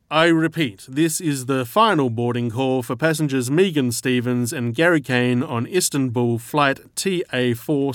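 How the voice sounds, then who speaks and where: A man reading a scripted airport boarding call in a formal, measured public-address manner. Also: mid-range voice, no room sound, studio quality. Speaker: airport announcer in a listening test.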